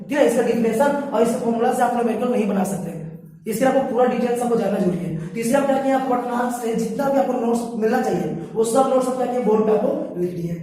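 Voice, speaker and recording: A fast-talking woman teaches at a board. She poses questions and then answers them herself. The voice is mellow and fairly high, caught from a distance in a very echoey, reverberant room. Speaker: science teacher. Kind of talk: classroom lecture at a board.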